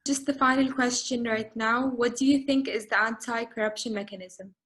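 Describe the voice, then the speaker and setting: A woman introduces the video and then asks short, direct questions, many of them yes-or-no. She speaks with a fairly high voice in a brisk, businesslike way. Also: steady tone, a bit bright. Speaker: interviewer. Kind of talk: interview questions.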